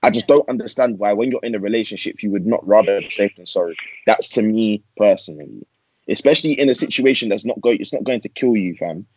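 A man's voice: lowish voice, fast, a little mellow, a little hiss or hum. A young man with an urban London roadman accent, arguing casually and emphatically, repeating himself and leaning on street slang. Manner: emphatic, repetitive, slang-heavy. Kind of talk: heated casual group debate. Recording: echoey, muffled lo-fi room sound.

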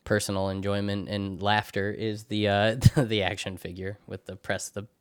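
A man co-hosting a podcast in casual chat, joking and animated, laughing often. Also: on the low side, moderate pace, clear, resonant tone, no room sound, clean studio sound. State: out of breath. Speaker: podcast co-host.

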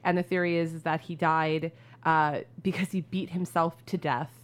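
A woman's voice: low-pitched, little pitch movement, moderate pace, background noise. A woman co-hosting a podcast, telling a story in frank, joking casual chat. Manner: chatty, frank, joking, many "like" fillers. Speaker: podcast co-host.

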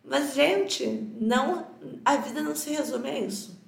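A woman co-hosting a casual podcast chat, lively and teasing, laughing often. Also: high voice, unhurried, gravelly, reverberant. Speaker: podcast co-host.

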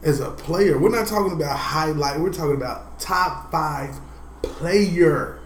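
A young man doing casual sports podcast commentary, full of slangy, loud, opinionated ribbing. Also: fairly high pitch, unhurried. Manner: animated slangy trash talk. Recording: roomy echo, faint background noise.

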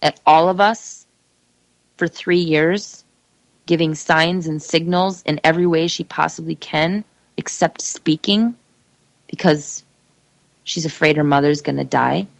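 A woman's voice: low-pitched, measured pace, gravelly, pauses often, no room sound, rough recording. A woman telling her own story in an urgent, emphatic monologue, speaking straight to her listeners. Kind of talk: personal testimony monologue.

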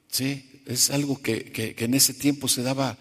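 A male preacher giving a sermon, conversational and animated, who keeps asking the congregation questions. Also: medium pitch, measured pace. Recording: long reverb of a large hall.

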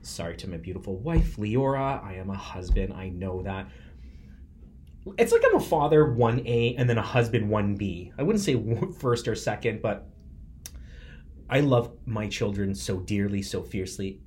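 A man's voice: on the low side, sing-song, moderate pace, a little mellow. A man in his forties hosting a podcast, delivering an earnest, emphatic motivational monologue. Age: 40s. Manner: earnest and emphatic, speaks from the heart. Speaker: podcast host.

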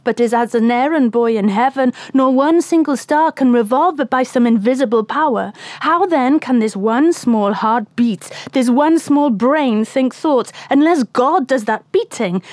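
A woman's voice: a little high, darkish tone, no echo, natural voice. A woman voicing a weary, obsessed old whaling captain in anguished, archaic soliloquy for an audiobook. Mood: tormented, questioning. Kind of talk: dramatic audiobook reading.

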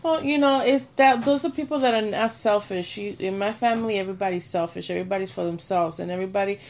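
A middle-aged woman hosting a casual chat, speaking bluntly and with animated swings between quiet and loud. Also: medium pitch, fast talker, slight background noise. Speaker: host.

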